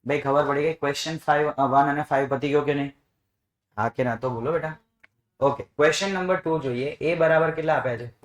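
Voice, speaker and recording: A man's voice: on the high side, fairly even intonation, brisk, echoey room. A man teaching math to a class, coaxing students with repeated questions. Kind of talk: classroom lesson.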